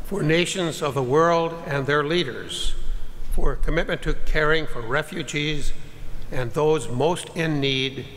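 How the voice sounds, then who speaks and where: An older man acting as a lector, reading the prayers of the faithful at a lectern in a steady, repeated liturgical pattern. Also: on the high side, a little slow, slight background noise. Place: large church, at a lectern. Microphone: podium microphone. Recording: reverberant church with faint ambience.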